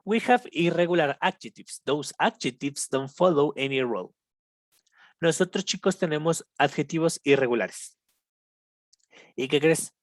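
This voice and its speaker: A teacher with a Mexican accent, patiently explaining English grammar in a recorded lesson, slowing down for each English example and checking in with the students. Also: mid-range voice, lively intonation, no room sound, clean studio sound. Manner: switches between Spanish and slow English examples.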